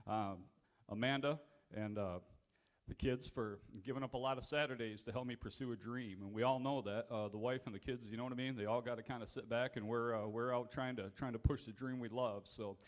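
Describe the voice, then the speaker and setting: A man who is an auctioneer, giving a speech and then calling bids in a fast rhythmic chant at an event. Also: mid-range voice, steady tone. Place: event hall.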